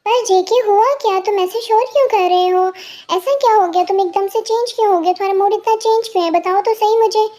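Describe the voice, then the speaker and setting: A nosy, whiny young male servant in a storybook, voiced by a woman. He fires off questions in a quick, high voice. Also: warm tone. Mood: curious. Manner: questioning, complaining.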